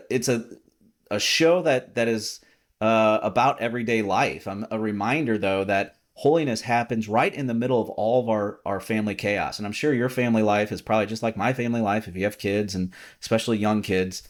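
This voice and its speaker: A man with a fairly low voice hosts a podcast in a relaxed, talkative way. He rambles along in casual chat, stacking up fillers and repeating his words as he goes. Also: moderate pace. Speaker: podcast host.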